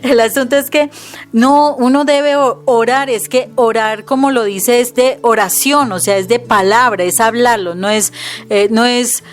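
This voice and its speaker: A woman's voice: fairly high pitch, fairly even intonation, unhurried. Earnest woman explaining prayer. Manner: earnest and explanatory, often quoting scripture. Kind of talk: conversational teaching.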